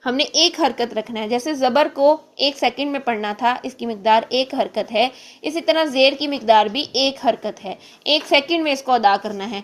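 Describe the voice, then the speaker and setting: A woman teaching Quran reading, explaining patiently and slowing down to show each sound. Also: high-pitched. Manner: patient, repeats points, slows to demonstrate sounds. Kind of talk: explanatory lesson with recited examples.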